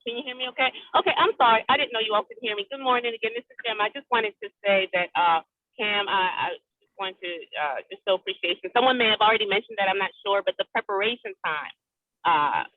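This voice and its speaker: A woman on a conference call, speaking politely with many pauses as she joins a group discussion over the line. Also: medium pitch, dry recording. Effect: speaking over a conference call phone line. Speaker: call participant. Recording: tinny phone line, dry.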